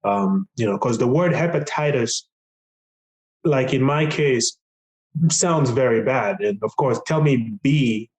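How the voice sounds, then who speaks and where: A middle-aged man from Tanzania, a patient advocate earnestly and reflectively recounting his experience, with frequent pauses and fillers. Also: mid-range voice, expressive, low-quality recording. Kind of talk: recorded podcast testimony.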